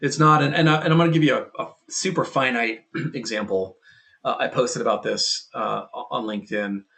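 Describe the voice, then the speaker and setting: Podcast guest, male, emphatic and repetitive, acts out quotes, middle pitch. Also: moderate pace, vocal fry, fairly bright tone. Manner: emphatic, repeats key phrases, acts out quoted dialogue. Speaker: guest, healthcare and private equity tech leader. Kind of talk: casual podcast conversation.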